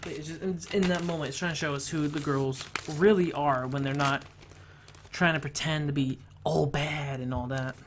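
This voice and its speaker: A man reviewing a film, talking earnestly and haltingly, often restarting his sentences. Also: fairly high pitch, fairly even intonation, slight background noise.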